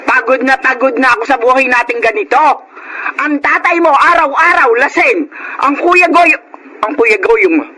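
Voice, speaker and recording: A Filipino woman plays a weary, bitter middle-aged mother in a radio drama, scolding and lamenting in a weary tone. Her voice sits high with a sharp tone at a moderate pace. The audio is poor, with faint background noise.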